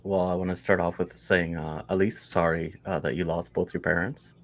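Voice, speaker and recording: A Canadian man in his forties speaks as a podcast guest, his voice sitting very low. He rambles casually, circling back with fillers and restarts as he tells his story. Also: flat delivery, normal speed. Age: 40s. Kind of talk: casual interview chat.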